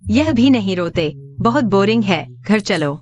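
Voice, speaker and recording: An actress dubbing a spirited, defiant young wife in a drama, teasing and scornful. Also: female voice, medium pitch, lively intonation, a little slow, darkish tone. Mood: playful. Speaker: dubbed drama heroine. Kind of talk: Hindi drama dub.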